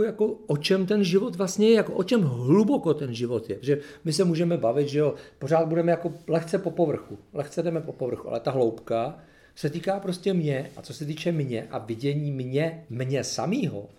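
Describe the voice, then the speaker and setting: Guy reading a bible story then thinking out loud, mid pitch, kinda halting. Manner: plain, unhurried reading, then searching, hesitant talk with fillers. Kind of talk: Bible reading followed by personal reflection.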